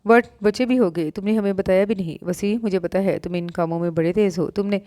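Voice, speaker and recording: A woman's voice: mid-range voice, fast, no room sound, studio quality, natural voice. Woman doing a brash joking young man. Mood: cheerful. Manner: loud, joking and eager. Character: brash, cheerful young husband on a call.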